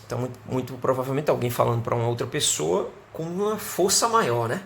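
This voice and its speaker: A Brazilian man teaching an English grammar lesson online. He explains patiently, keeps asking "né?" and "certo?", and slows down to model the English sentences. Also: mid-range voice, creaky, a little hiss or hum. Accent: Brazilian Portuguese.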